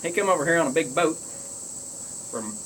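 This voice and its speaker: With a rather high, bright voice, a pipe-smoking man from rural Kentucky chats briskly and animatedly to his viewers. His folksy Southern drawl wanders from topic to topic over slight background noise.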